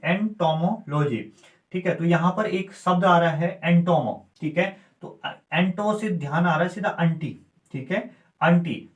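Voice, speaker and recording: A male teacher giving an exam-prep lecture, repeating key terms and asking and answering his own questions. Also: high voice. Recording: echoey room.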